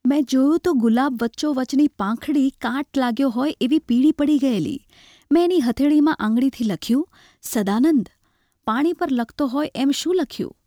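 A woman reading a literary short story aloud in a measured, expressive way. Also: high voice, dry recording, clean studio sound. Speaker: narrator.

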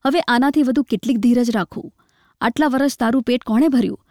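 A woman reading a story aloud, voicing a poor, starving village man who is proud, bitter and quick to lash out in scornful outbursts. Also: fairly high pitch, dark tone, dry recording, clean studio sound, natural voice.

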